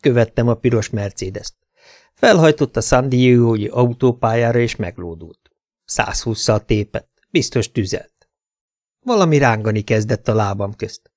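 A man's voice: mid-range voice, lively intonation, a little mellow, no room sound. A man reading a crime novel aloud in dry first-person narration, giving the cops their own voices. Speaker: audiobook narrator.

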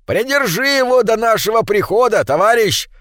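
A rowdy crowd of little gnome workers, all calling out in high, loud voices, as a man puts them on. Every line comes out as a rallying shout, close and dry. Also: very animated, unhurried, dry recording. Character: rowdy male gnome comrades, excitable.

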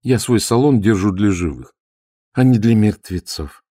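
A man voicing a blunt, sharp-tongued woman who runs a salon, in an audiobook. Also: on the low side, expressive, normal speed, dry recording, clean studio sound. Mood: scolding. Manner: scolding, blunt. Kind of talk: audiobook character voice.

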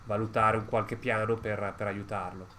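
A man's voice: fairly low pitch, flat delivery, moderate pace, bright, forceful tone. A man talking casually as a player in a tabletop game, often repeating words and short phrases. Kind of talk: casual group chat during a game. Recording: faint background noise.

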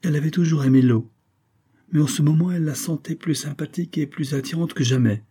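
A man reading a French novel aloud as the narrator, in a measured storytelling manner. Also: a little high, warm tone, slightly rough. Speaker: audiobook reader. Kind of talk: literary narration.

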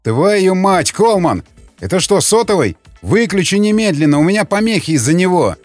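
Guy doing a sneery crude airman, higher and louder than his normal voice. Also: sing-song, normal speed, no room sound, soft background music. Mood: yelling. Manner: mocking, then shouting. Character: cynical foul-mouthed male crewman.

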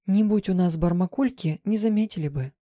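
Low-voiced woman narrating a story. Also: brisk, dark tone, dry recording, studio quality. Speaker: audiobook narrator. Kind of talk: first-person fiction narration.

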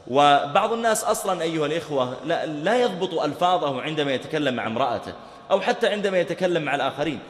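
A man delivers a rapid, lively religious lesson. He acts out little exchanges between people as he explains the rulings. His slightly high voice rings out in a roomy hall with a long reverb. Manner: fast, animated teaching with acted-out example dialogues. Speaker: Islamic preacher. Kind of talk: recorded religious lesson on jurisprudence.

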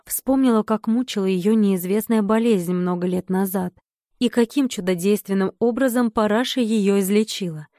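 Female storyteller, even measured read, close dry mic. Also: medium pitch, no room sound. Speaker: narrator.

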